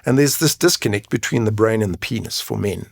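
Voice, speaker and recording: Speaking a bit fast in a fairly low, gravelly voice with a breathy edge, a men's mental health coach and advocate is interviewed as a guest. He lays things out frankly and conversationally, often ending points with a tag question. The studio-quality audio has no echo.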